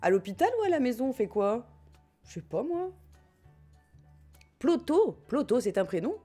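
A woman's voice: fairly high pitch, sing-song, moderate pace, dark tone, slightly rough, faint music behind. A woman with a French accent chatting casually as she streams a life-sim game and reads her chat, joking and often laughing. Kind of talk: casual gameplay commentary, reading chat.

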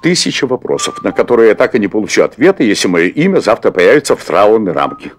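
Speaking very animatedly and fast in a lowish voice, an actor in his fifties plays an anxious middle-aged restaurant owner yearning for adventure, confessing at length with hesitation and repetition. The piece is a televised stage play on a theatre set made to look like a hotel room. A little background noise can be heard.

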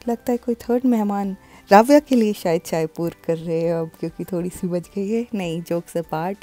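A woman's voice: on the low side, dark tone. A woman casually narrating her family's morning routine for a vlog, mixing in English phrases. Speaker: vlogger.

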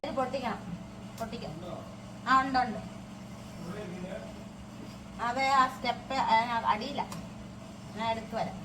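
High-voiced chatty woman vlogging from home. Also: a little slow, pauses often, reverberant, recorded from a distance, noisy background. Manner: chatty, keeps checking in with viewers with tag questions. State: throat strained from talking. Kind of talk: casual chat to camera. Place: home kitchen.

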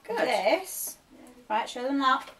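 A young woman in a bedroom, gently asking a small child questions while unboxing a toy. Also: high-pitched, very animated, slow pace. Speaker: vlogger and mother. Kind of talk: casual toy unboxing chat. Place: bedroom, sitting on a bed. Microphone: camera mic from a few feet away. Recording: distant camera mic, clear background noise.

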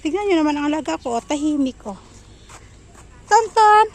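Woman, vlogger, casual chat, high-pitched, mixes in English, soft phrase endings. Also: animated, very fast, a little hiss or hum, low-quality recording. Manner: chatty, mixes English phrases into her talk. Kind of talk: casual home vlog narration.

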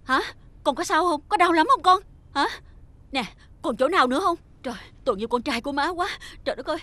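A wealthy mother in a TV drama, speaking with a Southern Vietnamese accent. Her voice sits high and turns shrill and scolding. She fusses over her own son but tears into the boy she blames. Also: expressive, fairly quick, pushed and bright, no room sound. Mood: worried. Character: wealthy mother, doting to her son, harsh to his friend. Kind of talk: TV drama acting.

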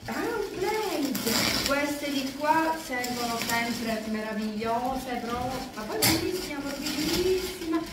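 A woman's voice: sits high, expressive, slow pace, hardly any pauses. A woman vlogging casually at home as she opens Christmas gifts, gushing over each one. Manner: effusive, exclaiming over each gift. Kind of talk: casual vlog chat. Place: home room. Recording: echoey room from far off, loud noise.

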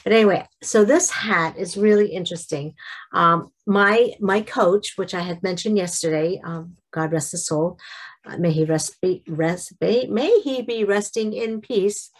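A middle-aged woman talks to camera in a casual devotional vlog. She speaks slowly at a medium pitch, pausing and correcting herself as she goes. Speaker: vlogger giving a devotional.

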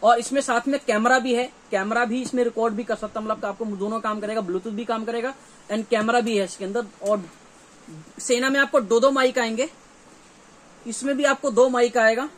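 Speaking at normal speed in a very high, fairly bright, steady voice, a North Indian-accented man in his thirties shows off products to camera. He runs through an informal, repetitive showcase in a cramped, cluttered gear shop. The recording is low quality, with faint shop noise behind him.

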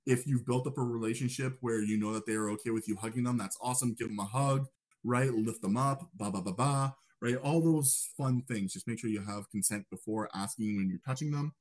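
A man's voice: mid-range voice, brisk, a little mellow. A young man giving a casual lecture, talking conversationally and often checking in with "right?". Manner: acts out upbeat greetings in a raised voice.

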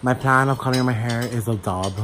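Brash low-voiced young woman vlogging. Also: a little fast, background noise. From Hawaii. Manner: brash, swears freely, rambling storytelling. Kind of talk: casual vlog chat. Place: at home and in a car.

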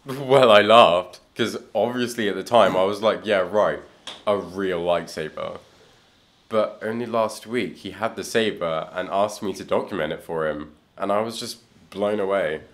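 A man acts as an impressed young friend in a spoof news interview. He gives earnest testimony in a slightly low voice. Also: normal speed. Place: conservatory.

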